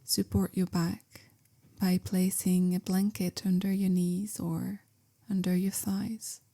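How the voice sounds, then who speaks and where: Slow, soothing guidance comes from a woman who teaches yoga and leads meditation, her manner calm and measured. She speaks in a mellow, steady-pitched voice with a soft creak, and her lines frequently drift off into an airy near-whisper.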